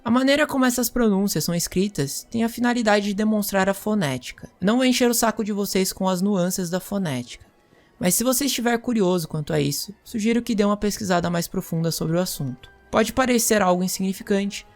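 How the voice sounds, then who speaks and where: A woman playing a magic teacher, lecturing students in a measured, explanatory way. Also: medium pitch, darkish tone, faint music behind. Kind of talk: scripted role-play lecture.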